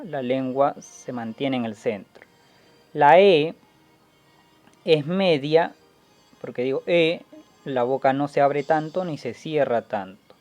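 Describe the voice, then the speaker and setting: A man gives a patient classroom explanation, slowing down to sound out each letter aloud. His voice sits a little high but has a warm, mellow tone. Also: muffled recording. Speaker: language teacher.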